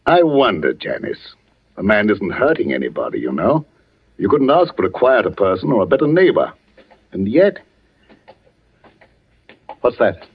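An actor playing a gentle, anxious village vicar and father in 1940s radio drama. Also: fairly low pitch, big pitch swings, normal speed, long pauses, husky, heavily acted. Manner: gentle, fretful, formal. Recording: dull old radio broadcast with faint hiss.

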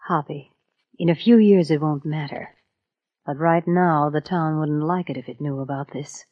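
A woman's voice: deep voice, normal speed. An actress playing a scheming, seductive and imperious frontier woman in a 1950s radio western. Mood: seductive, bargaining. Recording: muffled old 1950s radio recording.

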